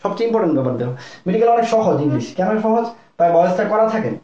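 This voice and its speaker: A young man from Bangladesh giving a live online lesson as a medical admission tutor, talking fast and often checking in with his listeners. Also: high voice, very animated, dark tone. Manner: rapid, repetitive, keeps checking in with listeners. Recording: echoey, dull lo-fi room sound.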